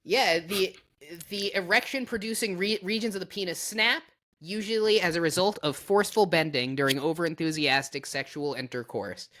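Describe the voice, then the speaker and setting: A woman's voice: fairly low pitch, moderate pace, a bit bright. A woman co-hosting a comedy podcast, reading out strange news with wry, profane asides. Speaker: podcast co-host. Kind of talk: casual comedic news chat.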